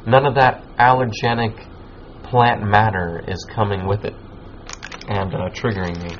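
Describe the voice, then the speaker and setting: A man with a fairly low voice talks like a laid-back stoner, rambling in loose slang and swearing freely. He hosts in a casual chatting style. The recording is a bit dull, with faint noise behind him. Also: fairly even intonation, moderate pace. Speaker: podcast host. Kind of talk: casual chat, giving advice. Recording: muffled lo-fi with background noise.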